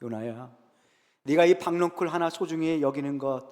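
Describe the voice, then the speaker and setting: A male pastor voicing God in a sermon, speaking as a gentle, fatherly deity who reasons softly with a sulking prophet. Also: on the high side, normal speed, natural voice. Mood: gentle reproach. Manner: soft, patient, questioning tone. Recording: long reverb in a large sanctuary.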